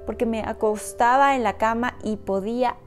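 A woman's voice: fairly high pitch, normal speed, faint music behind. A woman vlogger telling her own story straight to the camera, earnest and personal, speaking directly to her viewers. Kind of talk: personal confessional talk to camera.

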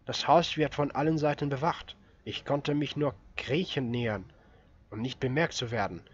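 A man voicing a determined young hunter with a hoarse voice who speaks urgently, as he reads a story aloud. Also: mid-range voice, normal speed, muffled recording, natural voice.

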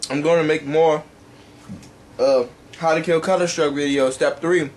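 A man's voice: a little high, fairly even intonation, normal speed. A young man rambling casually in a vlog, talking while eating and swearing offhandedly. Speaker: YouTuber.

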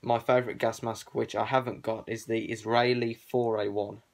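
A man's voice: lowish voice, flat delivery, moderate pace, vocal fry. A man speaking through a cloth balaclava, showing his gas mask collection in a rambling, offhand chat full of fillers. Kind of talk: casual show-and-tell vlog.

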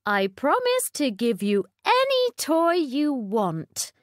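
A woman voicing a grown-up queen from a storybook, firm and matter-of-fact, read slowly in a dry room. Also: high voice, huge pitch swings, no room sound, voice pushed up, full character voice. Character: stern grown-up queen, firm about promises.

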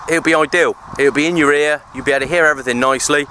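Out in windy parkland, a man films a rambling radio-hobby vlog on a handheld camera held at arm's length, chatting casually. His voice is on the high side with fairly even intonation, and he's racing; the audio is noisy and windswept.

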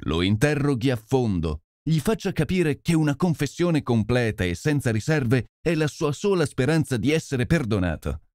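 A man voicing a sharp detective who gives firm, urgent orders. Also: medium pitch, big pitch swings, normal speed, few pauses, no echo, studio quality, voice pushed up, close to an everyday voice. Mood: commanding, urgent. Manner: commanding, urgent. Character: sharp, commanding male detective.

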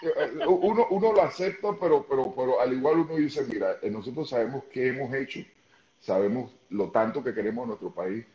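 A man's voice: medium pitch, expressive, brisk, mellow. A man in his fifties with a Venezuelan Spanish accent, a guest talking earnestly and emphatically on a video call. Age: 50s. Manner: earnest, emphatic, repeats words when starting. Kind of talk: casual chat on a video call. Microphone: headphones on a video call. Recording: echoey, dull lo-fi video call.

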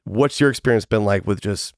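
Man, 50s, podcast host, low-leaning voice, casual rambling chat, dry recording. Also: fairly quick, no echo. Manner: rambling, swears casually, self-deprecating.

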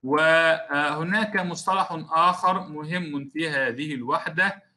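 A man's voice: a little high, measured pace, sharp tone. A man teaching a recorded lesson on Quran recitation rules, explaining step by step, repeating key terms and speaking straight to his students. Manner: addresses students directly as a class.

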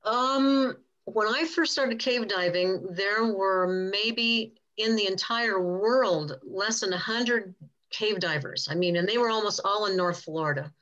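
An older woman scientist answering questions in a relaxed, rambling way over a video call. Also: mid-range voice, a little slow, dull audio. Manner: chatty, rambling, self-correcting. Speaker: guest speaker, cave diving scientist.

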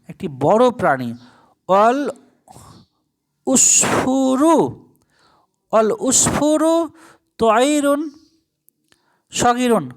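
Teacher drawing out Arabic phrases slowly. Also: medium pitch. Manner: chants the Arabic phrases slowly, then explains in quick Bengali asides; asks rhetorical questions to the listener. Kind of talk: recorded language lesson.

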